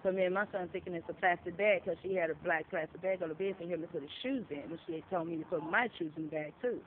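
This shelter resident speaks fairly low and fast, chatting casually as she tells a story in blunt, profane terms and performs the dialogue she repeats. The clip was captured outside on a phone, so it sounds tinny with a little background noise.

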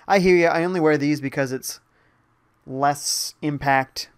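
A young man talks casually while live-streaming a game, his voice sitting a little higher than most men's. He reads viewer messages aloud one after another and answers them in a loose, chatty way between bits of gameplay. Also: unhurried, smooth. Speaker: gaming streamer. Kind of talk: casual live-stream commentary reading chat.

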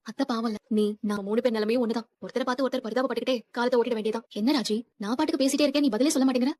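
A woman's voice: on the high side, steady tone, very fast, darkish tone, no echo, lightly acted. An actress playing a sympathetic young wife consoling her family in a TV serial. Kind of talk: TV serial acting.

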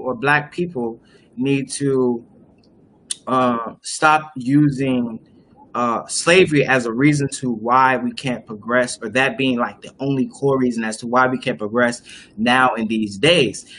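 A man's voice: mid-range voice, steady tone, takes it slowly, a bit bright, a little hiss or hum. Young man hosting a video call. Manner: explanatory, many fillers and restarts. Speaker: host. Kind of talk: casual discussion on a live video call. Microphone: webcam on a video call.

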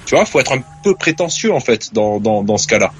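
A man's voice: medium pitch, sing-song, brisk, faint music behind. A man calling in to a radio show, giving earnest, insistent advice with hesitant restarts. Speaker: caller. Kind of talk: phone-in advice.

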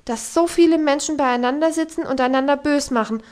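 A woman's voice: high-pitched, fairly quick, a little mellow, pitched above the performer's own voice, natural voice. A woman voicing an earnest, homesick little girl in an audiobook, pleading as her words tumble out. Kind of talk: audiobook reading.

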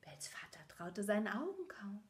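A woman's voice: mid-range voice, very animated, normal speed. A woman reading a storybook aloud to children, often dropping to a whisper for suspense and talking directly to her young listeners. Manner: talks directly to children between passages. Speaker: children's book reader.

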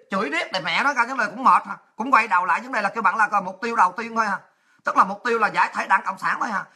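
A livestream host, this woman speaks with a Southern Vietnamese accent in a slightly high, somewhat rough voice. She delivers a crude, taunting political rant, shouting often.

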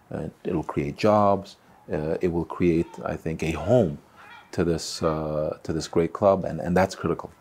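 A man in his forties, a club chairman in a sit-down interview, speaking haltingly with many repeats and fillers. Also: deep voice, a little mellow, slight background noise. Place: indoor room by a window. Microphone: close mic, seated on camera.

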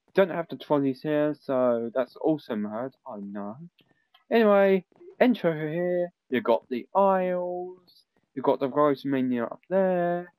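A man's voice: on the high side, lively intonation, unhurried, no room sound, lo-fi sound. A young man giving a rambling, casual gameplay commentary as he tours a building he made. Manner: rambling, informal, with frequent fillers. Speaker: gaming YouTuber.

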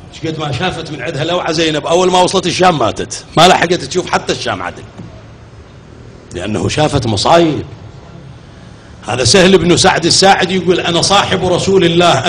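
A man's voice: on the high side, a bit bright. A man preaching a mourning sermon with an Iraqi accent, telling a story dramatically and acting out its dialogue with grieving cries. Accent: Iraqi Arabic. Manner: dramatic, quotes dialogue in shifting voices, grieving exclamations. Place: mourning hall. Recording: echoey hall, faint noise.

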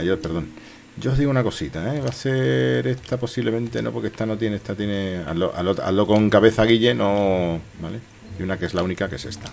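A man's voice: lowish voice, vocal fry, darkish tone. A man in his fifties with an accent from Spain, giving casual, jokey gameplay commentary and muttering to himself. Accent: Spanish from Spain. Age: 50s. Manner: jokey, muttering to himself, echoing the game's lines. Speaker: game streamer. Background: game music.

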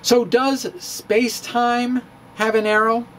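A middle-aged man reads his physics blog dramatically at a stand-mounted studio mic, wry and theatrical, tossing in playful asides. His voice is very high, slow and flat in delivery. He's in a small room in front of bookshelves, with slight background noise.

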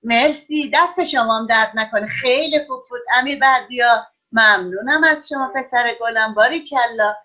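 A woman's voice: on the high side, sharp tone. A woman teaching children in an online class, praising and encouraging each pupil by name. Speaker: schoolteacher. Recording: dull lo-fi online call audio.

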